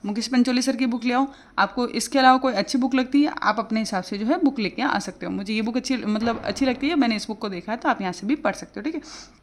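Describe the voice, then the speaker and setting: A woman, giving casual exam-prep study advice as a tutor and chatting with plenty of fillers. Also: on the high side.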